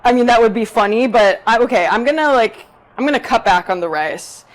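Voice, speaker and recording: A young woman hosting a live cooking demo in her home kitchen, chatting brightly to viewers, a self-described loud talker. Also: on the high side, a little fast. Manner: bubbly, chatty, addresses viewers directly. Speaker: cooking video host. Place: home kitchen in a Brooklyn apartment. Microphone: 360 camera rig.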